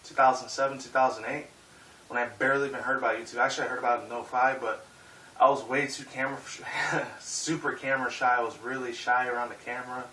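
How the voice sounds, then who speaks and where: A fast-talking YouTuber in his twenties, of Puerto Rican and Mexican heritage, rambles profanely through a casual vlog, filling pauses with "like" and "um." His medium-pitched voice is bright and forward but flat in delivery. The mic sits at a distance in an echoey room with a faint hiss.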